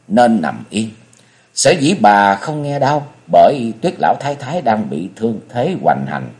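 A man's voice: lowish voice, darkish tone. A man narrating a martial-arts novel audiobook in a dramatic storytelling manner.

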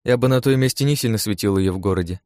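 A man's voice: fairly low pitch, quick pace, darkish tone, dry recording, studio quality, pitched above the performer's own voice, close to an everyday voice. A man voicing a seasoned, envious young woman warrior who grumbles and teases in an audiobook. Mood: teasing. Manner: teasing, grumbling, blunt. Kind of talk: audiobook character voice.

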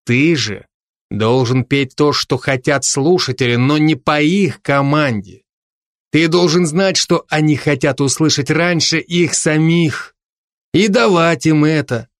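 A man voicing a wise, sly old bard teaching his apprentice in a slow, instructive way. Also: a little high, no room sound, clean studio sound, pitched above the performer's own voice.

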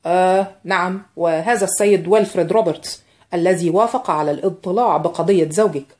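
A woman's voice: fairly low pitch, a little fast, a little mellow, natural voice. A polite male solicitor, read by a woman narrator, eager to please. He agrees readily and courteously.

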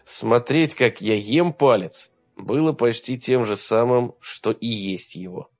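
Man, audiobook narration, gravelly voice, steady low-key reading, muffled lo-fi sound. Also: slow. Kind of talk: first-person audiobook narration. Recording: dull lo-fi recording.

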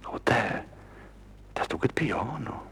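A man reading a children's story aloud, lively and expressive, sometimes dropping to a whisper. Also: fairly low pitch, a little hiss or hum. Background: instrumental music.

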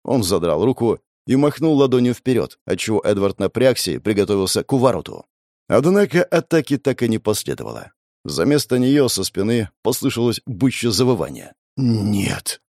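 A man narrating a fantasy audiobook with an expressive, dramatic delivery. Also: medium pitch, fairly quick, no echo, studio quality.

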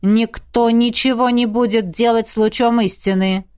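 A woman's voice: on the high side, normal speed, lightly acted. A woman reading the part of a firm, curt male nobleman who takes charge in a fantasy audiobook. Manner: curt, categorical.

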